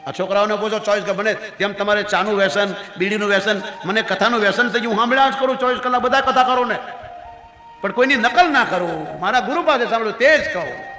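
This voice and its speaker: High, bright-voiced male preacher in an echoey hall. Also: quick pace, soft background music. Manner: animated storytelling, acting out characters' voices. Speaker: religious storyteller. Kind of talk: devotional katha sermon.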